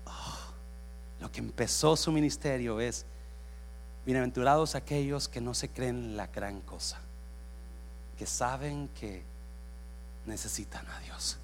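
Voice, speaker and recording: Gravelly preacher swinging from shouts to whispers. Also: male voice, medium pitch, slow, long pauses, slight background noise. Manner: switches into English phrases. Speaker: pastor. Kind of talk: bilingual sermon.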